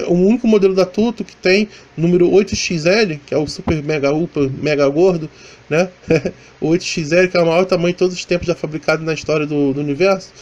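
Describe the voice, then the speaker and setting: A man's voice: sits high, darkish tone. A man from Brazil with a Rio de Janeiro accent, narrating his motorcycle vlog in a casual, rambling voice-over with many restarts and fillers. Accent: Rio de Janeiro Portuguese. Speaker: motovlogger. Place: voice-over, not recorded on the ride.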